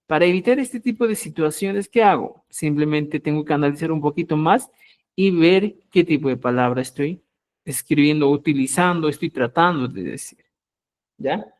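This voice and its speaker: A man teaching a live online language class, explaining slowly and patiently and checking often that his students follow. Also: on the high side, darkish tone.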